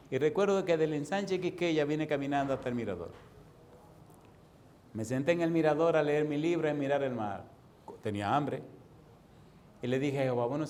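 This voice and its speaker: A man with a Dominican accent preaching a sermon as a pastor, telling personal stories, bursting out loudly and then slowing down, laughing often as he speaks. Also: a little high, slight background noise. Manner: storytelling preacher, sudden loud outbursts and drawn-out slow phrases.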